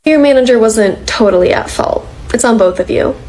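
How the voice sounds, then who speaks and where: A woman's voice: fairly high pitch, moderate pace, a little mellow, close to an everyday voice, rough recording. A woman voicing a vengeful, condescending female upper manager in a comedy cartoon. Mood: smug. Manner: sugary condescending. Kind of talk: animated comedy dialogue.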